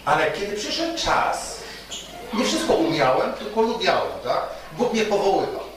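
A male pastor with a high, very animated, slightly bright voice preaches at a moderate pace, telling stories and often asking the congregation "tak?" ("right?"). He sounds far off in an echoey hall, with a little hiss or hum.

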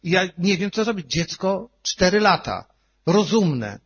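Male pastor, raised pitch, husky, emotional sermon testimony that drops to a hush and rises to near-shouting; muffled lo-fi audio. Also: sing-song, unhurried. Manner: emotional storytelling, swinging from hushed to loud.

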